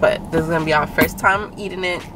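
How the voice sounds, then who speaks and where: A woman's voice: on the low side, steady tone, fast, over loud music, low-quality recording. A young woman vlogger in casual, rambling chat, filming from a parked car at a drive-in. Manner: chatty, rambling, laughing often.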